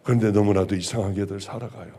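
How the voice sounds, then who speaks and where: A middle-aged male pastor preaching a sermon, emphatic, swinging from loud exclamations to hushed, quiet lines. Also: lowish voice, steady tone, fast talker.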